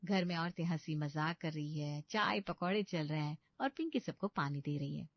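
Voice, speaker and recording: A woman giving scripted storybook narration for a cartoon in an even, plain manner. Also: low voice, normal speed, no echo. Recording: dull, dry lo-fi voice-over.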